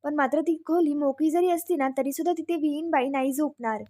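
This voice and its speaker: A woman's voice: sits high, a little fast, mellow, natural voice. A woman voicing an older male patriarch who gives firm household orders.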